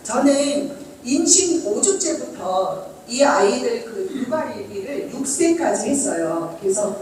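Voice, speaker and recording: Middle-aged woman, storyteller to an audience, higher voice, echoing large room. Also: big pitch swings, measured pace, a little mellow, distant mic, a little hiss or hum. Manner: reads diary entries aloud, then chats with listeners, asking them questions. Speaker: speaker reading from her parenting diary.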